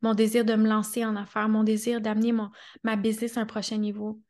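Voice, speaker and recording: A woman with a Québécois French accent hosts a motivational podcast as a coach, speaking earnestly and emphatically, repeating phrases, checking in with listeners and laughing often. Her voice is fairly high, monotone, quick and a little mellow.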